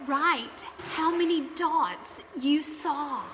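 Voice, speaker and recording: Extremely slow and high-pitched, a woman speaks directly to young children to teach them counting, encouraging them along. Background noise can be heard, and the room is echoey.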